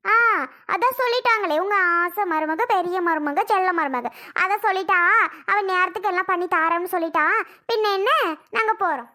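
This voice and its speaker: A woman voicing a jealous, sharp-tongued daughter-in-law in a cartoon, needling her father-in-law. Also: extremely high pitch, moderate pace. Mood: sarcastic. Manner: sarcastic, needling.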